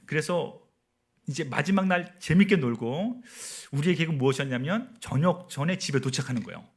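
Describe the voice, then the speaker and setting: Husky guy in his 40s preaching, voice swings up and down a lot, keeps asking the crowd stuff. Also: on the high side, expressive, brisk. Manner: storytelling, often asking the audience questions. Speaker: missionary preacher. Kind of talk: sermon at a prayer meeting.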